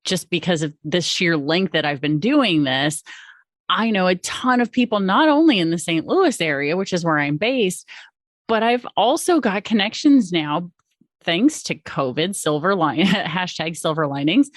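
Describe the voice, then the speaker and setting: A woman's voice: fairly low pitch, expressive, a little slow, dry recording, clean studio sound. A woman hosting a casual interview podcast, chatty and informal, congested with a head cold. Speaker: podcast host.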